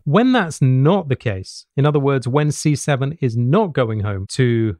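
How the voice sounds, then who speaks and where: This middle-aged Englishman teaches jazz piano in a small, book-lined home study, explaining and demonstrating, then checking understanding with quick tag questions. His medium-pitched, darkish voice has lively intonation and a measured pace, picked up close by a large studio mic on a boom arm, with piano playing in the background.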